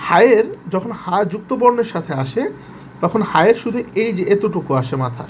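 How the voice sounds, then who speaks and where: High-voiced patient male reading teacher. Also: expressive, slight background noise. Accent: Bangladeshi Bengali. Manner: patient, repeats letters slowly and drills syllables. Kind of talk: step-by-step reading lesson.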